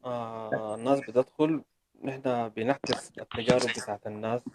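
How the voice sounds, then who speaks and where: A man's voice: medium pitch, fairly even intonation, brisk, noisy background. A man hosting a casual online chat, friendly, with short replies. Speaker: host.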